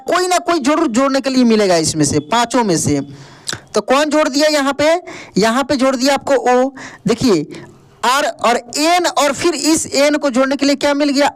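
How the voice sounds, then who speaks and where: High-voiced man teaching English spelling. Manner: asks the viewer questions and answers them himself; spells words out letter by letter. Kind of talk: online video lesson.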